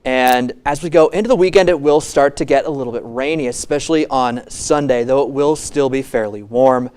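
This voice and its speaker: A man's voice: medium pitch, a little fast, a little mellow, clear, resonant tone. A man presenting a student TV weather forecast in a casual, chatty way.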